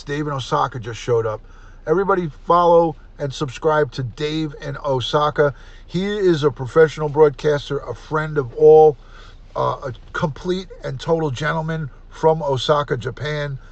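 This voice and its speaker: A man in his fifties with a gravelly New voice, hosting a live stream in a loose, chatty way. He runs through viewer names one by one and keeps thanking them as he signs off. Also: medium pitch. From United States. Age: 50s. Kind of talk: casual live stream sign-off.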